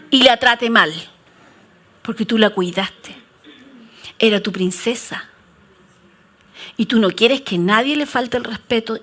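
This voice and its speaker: Chilean woman pastor, high bright voice, jokey sermon storyteller. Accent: Chilean Spanish. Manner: lively, joking storyteller.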